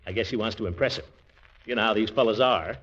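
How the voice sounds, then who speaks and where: An actor playing a pompous, blustering middle-aged uncle in a 1940s radio comedy, exclamatory and theatrical. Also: male voice, fairly low pitch, fast talker, fairly bright tone. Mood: self-important. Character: pompous, blustering middle-aged uncle, vain small-town big shot. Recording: muffled vintage 1940s radio recording.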